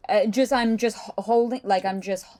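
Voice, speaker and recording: Female game player, mid-range pitch, halting, tentative, casual planning talk. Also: steady tone, mellow.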